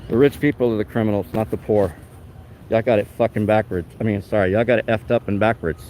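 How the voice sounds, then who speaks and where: Speaking quickly in a lowish, darkish, steady voice, a man narrates as he records police on a city sidewalk. He is an activist, and his commentary is rambling and indignant. The handheld phone audio from outdoors is poor, with slight background noise.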